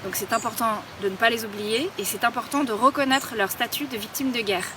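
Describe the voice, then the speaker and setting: A woman from France speaks steadily and earnestly in a recorded statement of support. Her voice sits fairly high. She is recorded outdoors from a little distance, with clear street and traffic noise around her. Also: fairly quick. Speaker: artist giving a support message.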